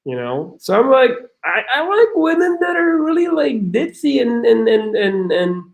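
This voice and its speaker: A man's voice: very high-pitched, big pitch swings, moderate pace. A young man from Belgium, a podcast guest talking in casual chat, blunt and rambling, swearing often and restarting his sentences.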